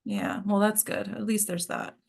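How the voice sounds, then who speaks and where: A woman hosting an acting table read chats casually while waiting for participants, trailing off as she checks who has joined. Her medium-pitched voice is creaky and a little mellow, with little pitch movement and a moderate pace.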